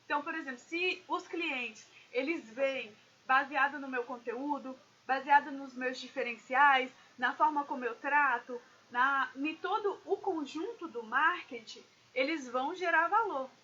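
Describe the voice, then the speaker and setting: High bright-voiced woman consultant on a live stream. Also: a little slow, few pauses, muffled recording. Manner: animated, addresses viewers directly. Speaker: business consultant. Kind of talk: live-stream business talk.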